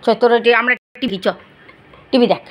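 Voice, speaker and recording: A woman filming her pet dogs, gently coaxing and scolding them in casual talk. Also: fairly high pitch, steady tone, moderate pace. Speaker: pet owner vlogger.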